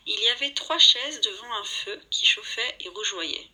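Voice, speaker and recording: Storybook narrator: woman, very bright tone, a little husky, lively read-aloud delivery. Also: on the high side, normal speed, poor audio. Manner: lively, voices the characters' lines.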